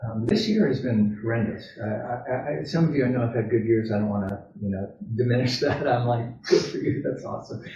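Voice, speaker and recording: A male pastor preaching a sermon in a relaxed, conversational way, drifting into asides and correcting himself as he goes. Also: mid-range voice, brisk, few pauses, a little hiss or hum. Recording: roomy, distant, dull church PA recording.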